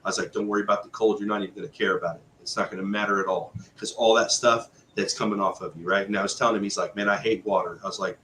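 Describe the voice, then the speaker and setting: Animated man telling a story in a roomy space. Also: fairly low pitch, rapid-fire, hardly any pauses. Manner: animated, conversational, full of fillers and quoted speech. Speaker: guest telling a testimony. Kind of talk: casual storytelling. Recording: roomy echo with faint background noise.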